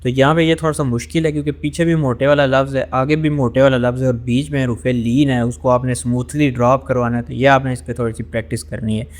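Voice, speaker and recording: A man with a Pakistani accent teaching an online Quran lesson, his pitch sitting in the middle range. He explains recitation rules patiently and drops into slow, careful recitation of each verse. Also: steady tone. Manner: explains in Urdu with English words, slows to recite verses.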